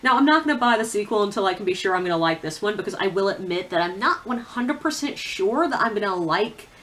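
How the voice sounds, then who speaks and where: Animated and quick, with a mid-range, fairly bright voice, this woman reviews books for a video channel. She speaks candidly and casually to her viewers, adding opinionated, informal asides.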